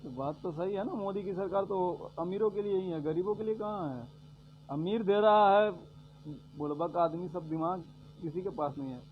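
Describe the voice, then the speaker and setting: A man's voice: sits high, fairly quick, faint music behind. Sarcastic man ranting. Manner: sarcastic, repetitive, swings from loud to muttering. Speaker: vlogger giving political commentary. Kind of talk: sarcastic political rant. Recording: dull lo-fi audio with faint hum.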